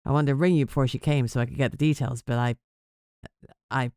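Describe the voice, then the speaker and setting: A woman voicing an earnest, gentle male police boss who hesitates and trails off. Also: very deep voice, fairly even intonation, no room sound, studio quality, voice pushed down. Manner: halting, trails off.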